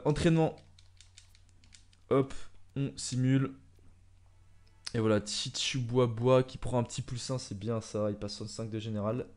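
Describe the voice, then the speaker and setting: A young man with a mid-range voice commentates his own soccer video game match as excited let's-play commentary, swinging from calm musing to loud, excited shouts when the action heats up.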